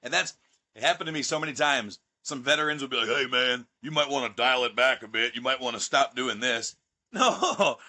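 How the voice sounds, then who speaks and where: A man's voice: medium pitch, animated, a little fast, sharp tone. A man in his thirties talking in a casual podcast chat, brash, profane and boastful. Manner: brash, profane and boastful, with mocking put-on voices. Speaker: guest, pro wrestler.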